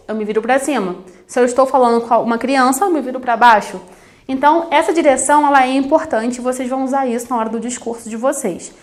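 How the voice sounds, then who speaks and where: Her voice is high with a darkish tone: a woman from Brazil giving a prerecorded sign language class. Speaking directly into the camera to her students, she's captured by a studio mic facing the camera in a studio with a plain backdrop.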